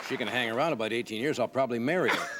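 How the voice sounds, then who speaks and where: A man's voice: mid-range voice, racing, over a noisy crowd. A man hosting a late-night talk show, chatting in a dry, teasing manner before a studio audience. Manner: dry, wry and teasing with lively intonation. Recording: noisy old TV broadcast with clicks.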